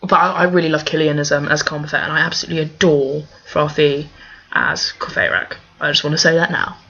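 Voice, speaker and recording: Husky young woman gushing in casual chat. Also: sits low, steady tone, pushed and bright. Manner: gushing, emphatic, halting and digressive. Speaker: fan answering a question tag. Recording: dull lo-fi microphone.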